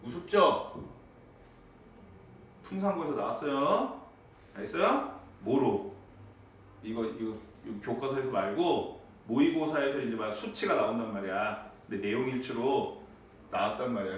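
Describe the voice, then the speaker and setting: A man teaching a high school English class in a classroom, checking on students with frequent tag questions. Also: animated, moderate pace, pauses often. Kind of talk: classroom lecture. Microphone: far from the mic. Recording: echoey classroom, distant mic, faint noise.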